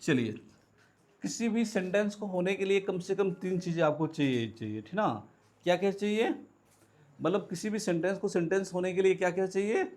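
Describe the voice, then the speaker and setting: A man with a high voice teaches a grammar lesson to his class. He keeps posing questions and answering them himself, and he repeats every key word so the students can follow. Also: a little fast, a little mellow. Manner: calls students "beta". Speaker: English teacher. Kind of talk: classroom lecture.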